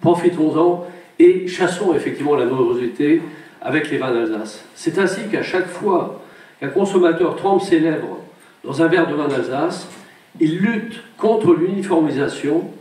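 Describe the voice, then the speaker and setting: A man's voice: on the high side, expressive, moderate pace, darkish tone. A man delivering a formal, prepared address in a solemn, oratorical manner with rhetorical phrasing. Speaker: wine brotherhood orator. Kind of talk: formal prepared speech to an assembly. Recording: echoey room, distant microphone.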